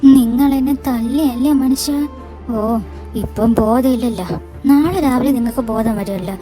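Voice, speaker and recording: A woman playing a sharp-tongued scolding wife. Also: fairly high pitch, a little slow, soft background music, close to an everyday voice. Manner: nagging, scolding. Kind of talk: fan audio drama acting.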